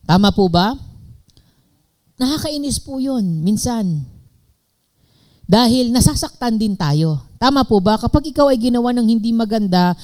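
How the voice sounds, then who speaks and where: A woman's voice: mid-range voice, a little mellow. A woman with a Filipino accent preaching a sermon, moving between English and Tagalog, reading scripture aloud and asking the congregation for an amen.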